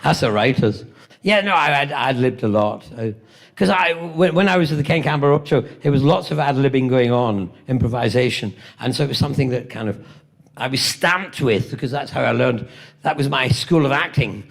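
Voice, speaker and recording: On a convention hall stage, an older British actor appearing as a guest tells rambling, playful stories during a Q&A. His mid-range voice is gravelly and rough-edged at a normal speed, and between tales he makes self-mocking jokes and occasionally coughs from a tickle in his throat.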